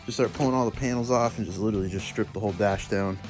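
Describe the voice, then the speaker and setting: A man's voice: on the low side, racing, a little mellow. A man giving a casual, slangy how-to walkthrough while working on a truck, talking to his viewers like buddies. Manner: laid-back and slangy, calls viewers "boys". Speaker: DIY truck repair vlogger. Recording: clear guitar music under voice.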